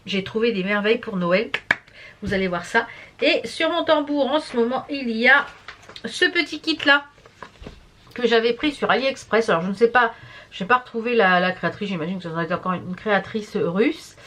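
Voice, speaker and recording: A woman's voice: on the high side, lively intonation, moderate pace, fairly bright tone. A tired woman chatting casually to camera as a vlogger, rambling and stumbling over her words. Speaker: beauty and embroidery vlogger.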